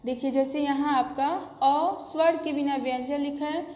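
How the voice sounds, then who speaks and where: Lady teacher going slow for little kids, kinda high voice, echoey muffled room. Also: fairly even intonation, darkish tone. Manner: patient, repetitive, addresses children directly. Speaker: school teacher. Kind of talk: explaining a grammar lesson to children. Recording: echoey room, dull lo-fi sound.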